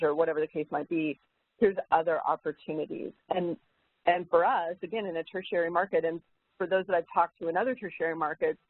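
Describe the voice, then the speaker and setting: A woman's voice: fairly low pitch, husky. A woman broker speaking frankly and thoughtfully as a guest in a podcast interview, with many fillers and restarts. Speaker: commercial real estate broker, guest. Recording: phone-line quality audio.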